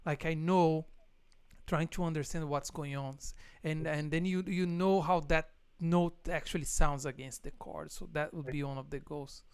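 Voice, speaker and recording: A man with a Brazilian Portuguese accent, a native Portuguese speaker, hosting a casual online interview as a guitar teacher, relaxed, with many fillers and frequent laughs. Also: on the high side, normal speed, clean tone, no room sound.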